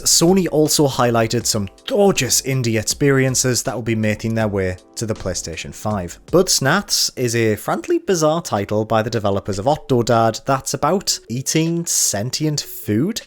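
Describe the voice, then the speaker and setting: A man with a Geordie accent reading a scripted games news voice-over, with wry, dry jokey asides. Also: medium pitch. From North East England. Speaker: games journalist.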